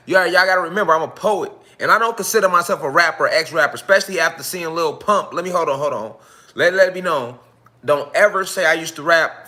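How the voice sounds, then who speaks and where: Forceful bright-voiced man lecturing live. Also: a little high. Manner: loose, profane, repetitive, talks straight to the audience. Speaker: lecturer hosting an online night class. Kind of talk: casual live-stream lecture.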